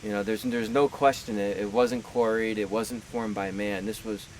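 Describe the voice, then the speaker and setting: Lowish-voiced man explaining cave geology. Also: steady tone, moderate pace, slight background noise, poor audio. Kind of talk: informal explanatory talk.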